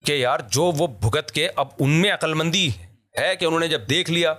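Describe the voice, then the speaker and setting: Animated man from Pakistan telling stories. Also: on the high side, normal speed. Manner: animated, emphatic storyteller who laughs often. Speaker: vlogger. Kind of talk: casual discussion.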